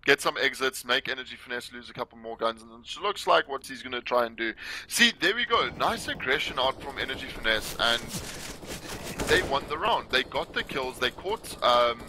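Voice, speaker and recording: A man giving analytical color commentary on an esports match, explaining positioning and catching his own slips mid-sentence. His voice sits at an ordinary pitch for a man, with game gunfire and clicks clearly audible in the noisy stream audio. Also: normal speed, pushed and bright. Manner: explanatory, self-correcting, with some restarts. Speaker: esports co-caster and coach.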